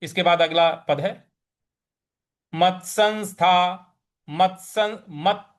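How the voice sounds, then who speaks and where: Male recitation teacher, high and very slow, deliberate syllable drills. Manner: chants verses in a melodic sing-song. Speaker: Gita teacher. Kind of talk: recitation lesson.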